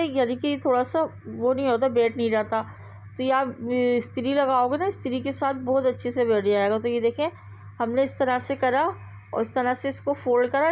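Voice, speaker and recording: A woman with a high voice walks through a sewing project step by step. She talks in a chatty, repetitive way and often pauses on fillers. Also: rough recording. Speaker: sewing tutorial host. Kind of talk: casual step-by-step instruction.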